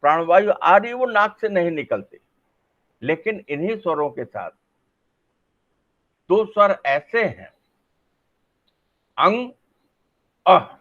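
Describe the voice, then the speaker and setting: Lively slow-spoken male lecturer. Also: high-pitched. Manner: demonstrates sounds aloud, asks and answers his own questions. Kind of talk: classroom lecture on phonetics. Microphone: facing a camera. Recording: dull lo-fi recording.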